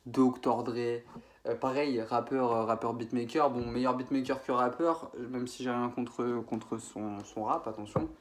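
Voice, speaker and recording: A young man from France ranks the rap producers he likes best, speaking a little slowly with a medium pitch and fairly even intonation. The video is casual, and his slangy, informal French wanders, with many fillers and self-corrections.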